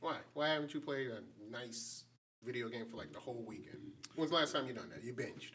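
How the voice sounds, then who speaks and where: A man's voice: mid-range voice, brisk, a bit bright. A man hosting a casual podcast chat, firing off probing questions. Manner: keeps asking probing questions. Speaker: podcast host.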